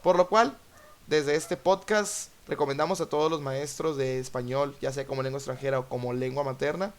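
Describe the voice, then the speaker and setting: A young man hosting an educational podcast, explaining in a measured, lecturing way with frequent fillers. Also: medium pitch, fairly even intonation. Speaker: podcast host, Spanish teacher.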